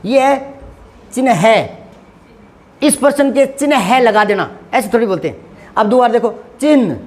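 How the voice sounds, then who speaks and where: Very high-pitched man teaching Hindi. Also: expressive, unhurried. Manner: patient, repeats and drags out sounds to demonstrate pronunciation; asks rhetorical check-in questions. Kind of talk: classroom-style grammar lesson.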